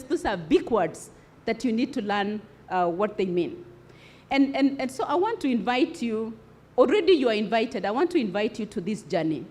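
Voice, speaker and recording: Lively motivational woman speaker. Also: a little high. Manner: rhetorical questions, repeats key words for emphasis. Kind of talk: motivational speech to students. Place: conference hall.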